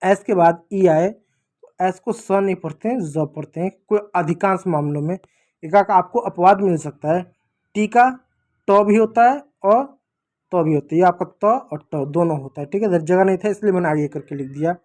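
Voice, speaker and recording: A man's voice: high voice, moderate pace, a little mellow. Guy teaching kids phonics, repeats the sounds a bunch, asks the class stuff then answers it himself. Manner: patient, drills sounds by repeating them. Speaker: English teacher for children.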